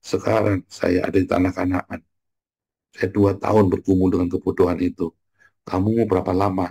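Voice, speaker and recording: A man preaching an informal morning sermon, blunt and teasing, swinging from loud jabs to low murmurs. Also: flat delivery, brisk, creaky, breathy edge. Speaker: pastor.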